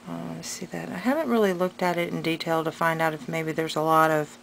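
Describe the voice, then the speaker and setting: A woman's voice: low-pitched, steady tone, brisk. A woman chatting casually as a craft vlogger, hesitant and rambling but enthusiastic, her articulation slightly impeded by a tongue piercing. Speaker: craft vlogger and pattern seller. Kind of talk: casual unscripted show-and-tell chat. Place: indoors at a craft table at home. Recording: clearly noisy home recording.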